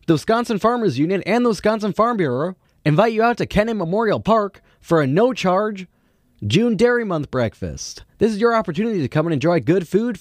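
A man's voice: high-pitched, a little mellow, dry recording, studio quality. A man anchoring a radio newscast, reading from a script.

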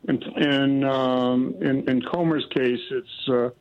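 A man's voice: medium pitch, steady tone, slow pace. A man calling in to a radio show over a phone line, hesitant and stammering, with a dry sense of humor. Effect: heard over a phone line. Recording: muffled phone-line audio.

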